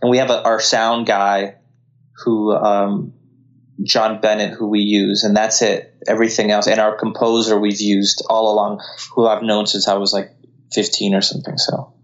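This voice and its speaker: A man's voice: lowish voice, flat delivery, normal speed, lo-fi sound. A man from Colombia, a filmmaker guest in an interview, talking earnestly and often restarting his sentences. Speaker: guest, CGI artist and filmmaker. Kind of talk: casual interview talk.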